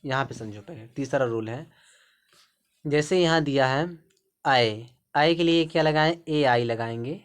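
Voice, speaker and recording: A man's voice: mid-range voice, a little slow, clean tone. A man teaching a spelling lesson, patiently spelling out words letter by letter. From India. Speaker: English teacher.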